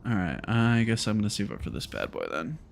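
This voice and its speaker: A man's voice: fairly low pitch, wildly swooping pitch, a little fast, vocal fry. A man streaming a game, chatting casually and muttering to himself as he plays. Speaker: gaming livestreamer. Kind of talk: casual gameplay commentary.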